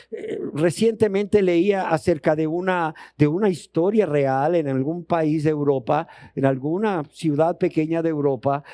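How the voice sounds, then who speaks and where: A man's voice: a little high, mellow, dry recording. A man with a Colombian Spanish accent teaching a sermon, asking the audience questions and acting out dialogue. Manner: emphatic, rising questions to the audience, acts out dialogue. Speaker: Bible teacher.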